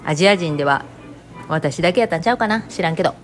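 A woman's voice: fairly low pitch, fast talker, soft background music. A woman with a Kansai accent chatting casually to her viewers in a rambling, joking way, with many fillers. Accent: Kansai Japanese. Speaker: vlogger. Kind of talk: casual chat to camera.

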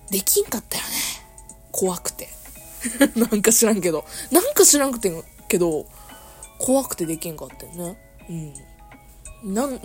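On her own radio talk show, a young woman with a Kansai accent chats casually alone, laughing often and correcting herself along the way. She is the podcast host, and her medium-pitched voice is a little mellow.

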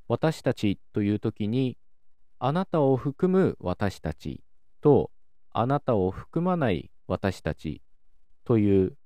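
Calm man explaining language facts. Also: fairly low pitch, no room sound. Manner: calm, explanatory, lively intonation. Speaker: podcast host explaining linguistics. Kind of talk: calm solo educational talk.

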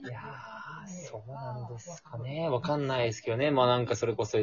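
A man's voice: medium pitch, brisk, crowd noise. A man from the Kansai region, a podcast guest, talking casually and rambling with lots of fillers. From Kansai, Japan. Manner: rambling, many fillers, self-deprecating. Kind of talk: casual conversation. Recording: dull lo-fi audio.

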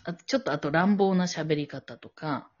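A woman's voice: sits low, normal speed, muffled recording. A woman from Japan co-hosting a podcast, chatting casually and rambling as she searches for words. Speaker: podcast co-host. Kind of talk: casual chat, telling a personal worry.

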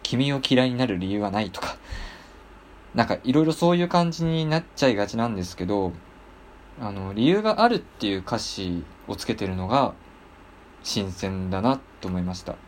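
A man's voice: lowish voice, lively intonation, fairly quick, a little hiss or hum. A man hosting a casual talk show, speaking politely with many hesitant fillers. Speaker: podcast host.

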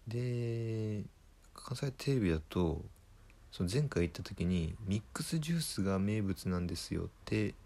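Comedian guy spinning a story, deep voice, kinda husky, acts out the quotes. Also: normal speed. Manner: lively retelling, acting out quoted lines with chuckles. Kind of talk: casual storytelling monologue.

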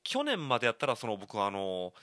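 A man's voice: lowish voice, huge pitch swings, brisk, bright, forceful tone, dry recording, clean studio sound. A man in his thirties with a Kansai accent, hosting a solo talk show as a candid, rambling storyteller. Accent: Kansai Japanese. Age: 30s. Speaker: podcast host.

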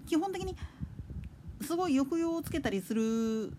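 A woman's voice: sits high, animated, unhurried, slight background noise. A woman hosting a casual solo chat radio show, talking in a chatty, digressive way. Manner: chatty, digressive, with soft laughs. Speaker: podcast host.

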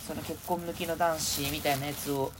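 A woman's voice: deep voice, level tone, moderate pace. A woman hosting a casual solo podcast, rambling and chatty as she sorts clothes at home. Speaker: podcast host. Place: at home, sorting clothes while talking. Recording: noisy home recording.

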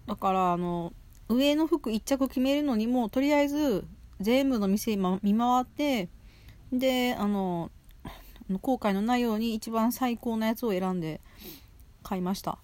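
With a slightly high, darkish voice and a measured pace, a woman hosts a solo audio show where she eats and rambles casually. Her mouth is often full as she chews and talks, and she keeps repeating phrases. The recording has no echo.

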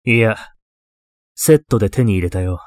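A man voicing an eccentric, obsessive male occult enthusiast in a ghost story, terse, low-key and matter-of-fact. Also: moderate pace, no echo, studio quality, close to an everyday voice. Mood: wistful, matter-of-fact. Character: eccentric, obsessive male occult-loving mentor, deadpan and wistful.

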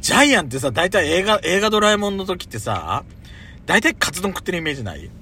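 A man's voice: high voice, sing-song, quick pace, sharp tone, slight background noise. A man chatting casually about food as a podcast co-host, talkative and emphatic, with feminine-style colloquial phrasing.

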